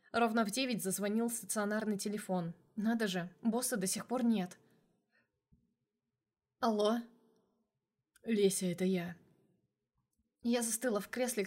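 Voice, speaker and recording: A woman narrates a first-person novel, her voice sitting at a middle pitch. She tells the story in an even, steady storytelling manner. It is a calm audiobook reading.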